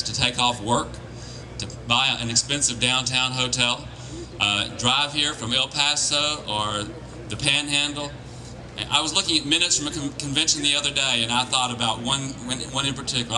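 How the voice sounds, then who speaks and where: A plain-spoken man giving an informal political speech as a campaign organiser, with halting restarts. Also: mid-range voice, pushed and bright, low-quality recording. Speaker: campaign organiser addressing volunteers. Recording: crowd noise behind live speech. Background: crowd.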